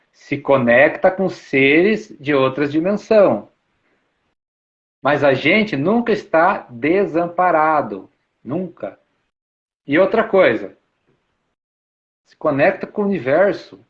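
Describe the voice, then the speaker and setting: A man giving an informal spiritual talk, explaining patiently and repeating himself, with frequent tag questions. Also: fairly high pitch. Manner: repetitive, explanatory, uses many tag questions. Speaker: spiritual speaker. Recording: dull lo-fi sound.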